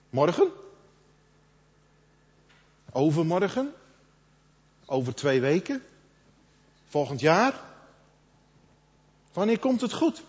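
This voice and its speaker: A middle-aged man preaching a sermon in a conversational manner, quoting others in lively asides. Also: fairly high pitch. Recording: dull sound with long hall reverb.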